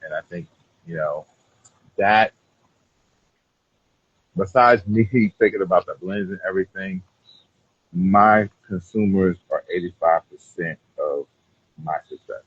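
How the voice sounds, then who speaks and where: A man's voice: low voice, measured pace, long pauses, breathy edge, no echo, muffled recording. A man talking casually as an interview guest, rambling and often checking in with the listener. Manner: rambling, repeats "you know what I'm saying". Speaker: cigar brand owner being interviewed.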